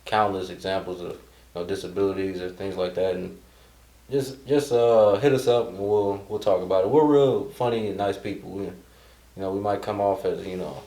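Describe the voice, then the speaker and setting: Joking young man, low voice in echo. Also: steady tone, moderate pace, mellow. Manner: joking, easygoing. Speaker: co-host. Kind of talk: casual chat. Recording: echoey room.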